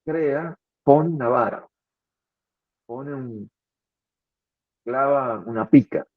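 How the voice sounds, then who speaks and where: A man's voice: mid-range voice, extremely slow, dry recording. A man in an earnest, reflective philosophical conversation, often repeating words as he thinks. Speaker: philosophy commentator. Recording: tinny phone-like line.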